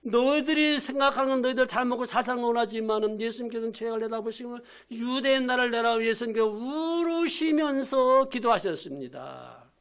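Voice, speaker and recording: An older man, a pastor emeritus, preaching a Sunday sermon with emphatic repetition, rhetorical questions and shouted quotes. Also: extremely high pitch, animated, fairly quick, hardly any pauses. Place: church sanctuary.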